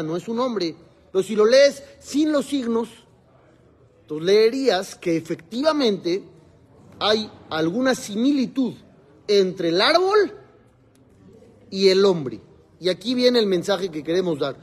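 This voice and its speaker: Rabbi for a class lesson, fairly high voice with a husky edge, quizzes the room and answers himself. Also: male voice. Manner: asks rhetorical questions and answers them himself; mixes Hebrew verses into Spanish teaching. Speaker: rabbi teaching students.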